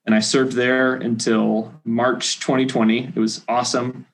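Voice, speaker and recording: A man in his twenties, a volunteer leader, telling his story in an interview with an earnest, even delivery. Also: mid-range voice, unhurried, poor audio. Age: 20s. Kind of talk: casual interview answers.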